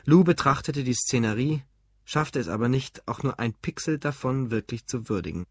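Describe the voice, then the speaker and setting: A male audiobook narrator with a husky, breathy voice, reading in a steady, measured way. The recording is close and dry, with no room sound. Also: medium pitch, dry recording. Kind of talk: scripted narration.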